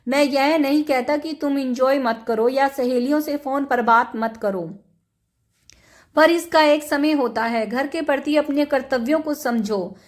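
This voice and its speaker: A woman reading a story plays a gentle young husband who reasons calmly and earnestly. The voice stays high for a man, a storybook figure. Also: unhurried. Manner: calm, reasoning.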